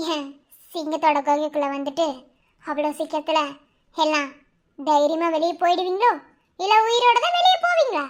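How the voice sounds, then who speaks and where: A woman's voice: extremely high pitch, expressive, moderate pace, pauses often. An actress playing a vengeful, scheming wife who taunts her husband with mocking laughter. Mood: gloating. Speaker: villain. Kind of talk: TV serial dialogue.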